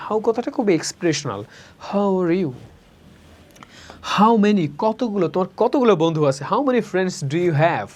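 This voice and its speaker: A man teaching spoken English in a recorded lesson, saying each word slowly and repeating the forms. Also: fairly high pitch. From Bangladesh. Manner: drills words slowly, repeating each form twice.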